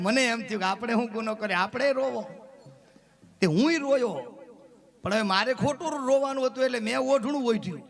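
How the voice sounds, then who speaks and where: A man, telling comic folk stories on stage and acting out the characters. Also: gravelly. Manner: animated, acts out characters with pitch jumps. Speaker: folk comedian and storyteller. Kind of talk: Gujarati dayro comic storytelling. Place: temple stage event.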